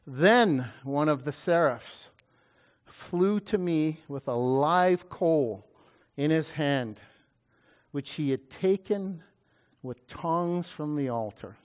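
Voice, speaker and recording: A man preaching a sermon, reading scripture and bursting into loud, dramatic cries at the high points. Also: expressive, takes it slowly. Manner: dramatic, shouting scripture at peaks. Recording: tinny phone-like sound.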